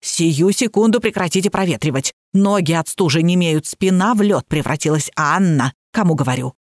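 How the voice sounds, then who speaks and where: A woman's voice: on the low side, expressive, normal speed, dry recording, clean studio sound, close to an everyday voice. A woman voicing a quarrelsome elderly grandmother who complains of the cold, in a querulous, grumbling way. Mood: grumpy. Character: cranky old woman, shrill and bossy, always cold.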